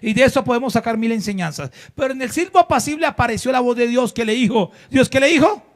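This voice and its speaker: A man's voice: very high-pitched, animated, fast talker. A male pastor preaching a sermon to a congregation, firing rhetorical questions and asking the listeners to repeat phrases after him. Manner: shifts between loud exhortation and hushed emphasis.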